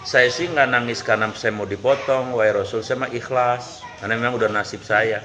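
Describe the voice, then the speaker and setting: A man voicing a mother deer who pleads softly and sadly for her young. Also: medium pitch, fairly even intonation, a little fast, noisy background, close to an everyday voice. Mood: plaintive. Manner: soft, plaintive, resigned.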